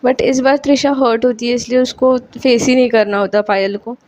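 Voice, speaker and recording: A woman's voice: a little high, steady tone, moderate pace, a little mellow. A woman narrating a romance story in a casual, chatty way that often repeats itself.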